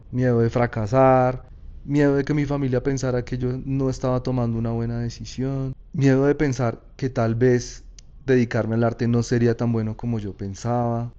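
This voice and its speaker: A man's voice: medium pitch, clear, resonant tone, dull audio. Paisa-accented man telling a story. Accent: Colombian Paisa. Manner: casual, slangy, animated retelling. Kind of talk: personal storytelling.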